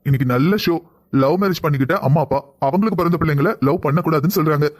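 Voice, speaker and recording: Brief: man playing a breezy cartoon husband, southern Tamil accent, brisk, slightly high. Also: lightly acted. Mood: relaxed. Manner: offhand, dismissive. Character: careless easygoing young husband. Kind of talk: cartoon voice acting.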